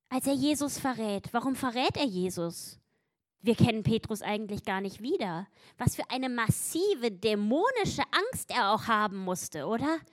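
A woman preaching a sermon with emphatic delivery, acting out quotes with mounting intensity. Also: fairly high pitch. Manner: emphatic, acts out biblical quotes with rising intensity.

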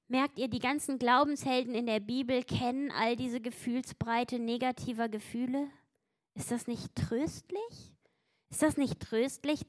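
A woman preaching a sermon with emphatic delivery, acting out quotes with mounting intensity. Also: a little high. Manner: emphatic, acts out biblical quotes with rising intensity.

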